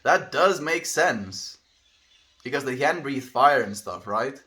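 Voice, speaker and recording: A man with a South African accent chats casually with his livestream viewers, reading their comments and rambling through musings while calling them dude and friend. His voice sits at medium pitch with lively intonation, and he takes it slowly in a pushed, bright way.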